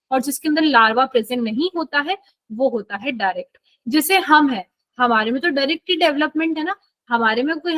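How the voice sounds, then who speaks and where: A woman with a high, light voice teaches a live online biology class. She speaks casually and keeps checking whether her students are following. Her voice is picked up dry and close, with no room sound. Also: fairly bright tone, dry recording, low-quality recording. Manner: chatty, checks in with students often.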